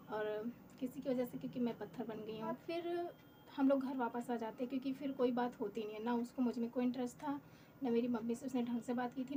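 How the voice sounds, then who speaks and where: A woman's voice: high voice, mellow. A young woman vlogger telling a personal story in a candid, rueful way, half-laughing at times. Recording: noisy room ambience.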